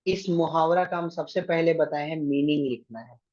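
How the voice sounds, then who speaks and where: A man's voice: a little high, steady tone, normal speed, a little mellow, lo-fi sound. A man teaching an online exam-prep class, giving directions and often checking with his students. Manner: directive, keeps checking with "thik hai".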